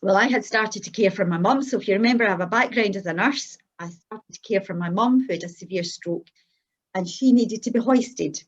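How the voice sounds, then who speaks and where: A Scottish woman, middle-aged or older, gives an unscripted personal testimony as a guest, speaking earnestly in a halting, anecdotal way. Her voice is medium-pitched, and the audio sounds dull.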